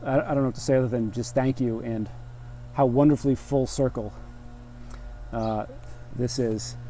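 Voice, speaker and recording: A man hosting his bonsai channel, reading a long casual list of shout-outs in a laid-back, joking way with the odd curse word. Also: mid-range voice, fairly even intonation, normal speed, a little hiss or hum. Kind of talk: casual shout-out roll call.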